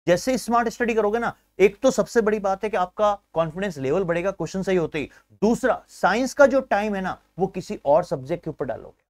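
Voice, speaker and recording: A man teaching an exam-prep science class, energetic, building memory tricks and calling viewers his friends. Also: high-pitched, fairly quick, no room sound. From India. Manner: energetic, uses memory tricks and asks himself questions; keeps addressing viewers as friends.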